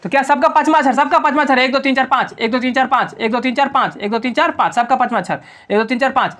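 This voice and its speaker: A man's voice: extremely high pitch, very fast, fairly bright tone. A young man teaching a classroom grammar lesson, drilling students with call-and-response questions.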